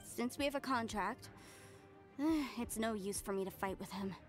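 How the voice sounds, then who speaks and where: A woman's voice: a little high, measured pace, lightly acted. An actress playing an earnest, principled, proud young woman archaeologist in an anime game, speaking with formal conviction. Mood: reproachful. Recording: music behind the voice.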